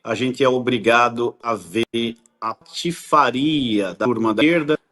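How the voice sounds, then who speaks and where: A man speaks from a glitchy video call whose sound keeps breaking up. His phrases come out halting and clipped. His voice sits at an ordinary middle pitch. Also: a bit bright. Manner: halting, words cut off mid-phrase. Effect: glitchy, choppy internet call breaking up. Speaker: guest commentator. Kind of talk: talk show commentary.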